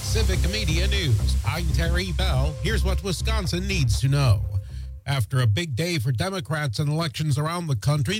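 A male news anchor with a slightly high voice delivers a scripted radio bulletin. He is matter-of-fact and businesslike. The sound is close and dry. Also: darkish tone, no echo, poor audio.

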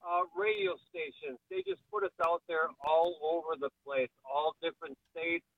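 A man in a band calling into a radio show on speakerphone, talking haltingly and apologizing. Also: fairly high pitch, very animated, no room sound. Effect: heard over speakerphone. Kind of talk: casual radio phone interview. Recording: dull lo-fi phone line.

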